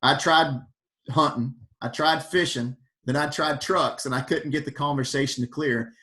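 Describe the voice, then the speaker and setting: A man's voice: fairly high pitch, normal speed. A man leading an online fire service workshop over a video call, speaking with energy and calling on attendees by name. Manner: animated, questions the audience by name. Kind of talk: energetic motivational talk.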